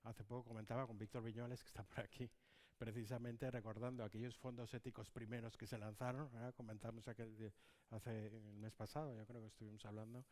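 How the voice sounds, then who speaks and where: Un hombre español que modera una conversación en un congreso, asintiendo a menudo y guiando las preguntas. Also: male voice, on the low side, level tone, a little fast, a little mellow. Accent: Spanish from Spain. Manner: frequent short agreement, steers questions. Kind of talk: conversational panel talk. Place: conference hall.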